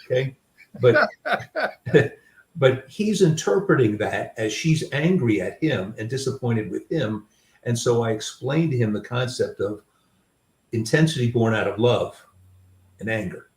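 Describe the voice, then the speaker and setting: A man's voice: medium pitch, lively intonation, normal speed, a little mellow, reverberant, distant mic. An older man and author, telling candid, self-deprecating personal stories in a reflective way, with many restarts. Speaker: author and guest.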